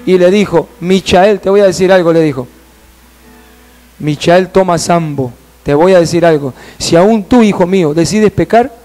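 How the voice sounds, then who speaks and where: A man preaching who voices Jesus as a grave, sorrowful judge, speaking slowly, solemnly and firmly. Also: sits high, darkish tone, soft background music, lightly acted. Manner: solemn, slow, firm.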